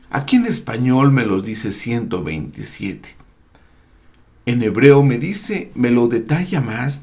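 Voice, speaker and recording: A man teaching a slow, deliberate lesson on Torah, spelling out Hebrew words and letters with frequent hesitations. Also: mid-range voice, vocal fry. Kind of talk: slow explanatory Bible lesson.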